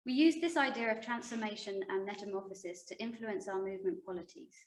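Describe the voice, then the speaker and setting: Woman, circus artist; measured, prepared read; distant reverberant stage. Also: medium pitch. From England. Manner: measured, read-aloud delivery. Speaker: circus performer pitching a show. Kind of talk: reading a prepared pitch. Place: arts centre stage before a live audience. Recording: echoey hall from far off, faint noise.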